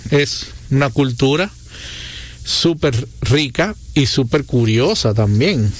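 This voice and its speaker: A man's voice: medium pitch, lively intonation, slow pace. Rambling Nicaraguan-born man. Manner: rambling, many fillers and restarts. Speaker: guest, venue co-founder. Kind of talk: casual interview.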